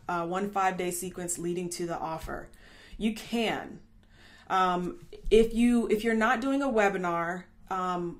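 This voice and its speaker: A woman coaching a marketing training class in a chatty, upbeat way, checking in often with "okay?" and correcting herself as she goes. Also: mid-range voice. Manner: thinks out loud, corrects herself mid-stream. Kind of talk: live training lesson.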